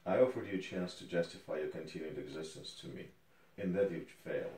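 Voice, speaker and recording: A man's voice: a bass voice, quick pace, warm tone, distant mic. A man performing a dramatic scene as a stern, contemptuous rescuer interrogating someone. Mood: scornful. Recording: echoey room, off microphone.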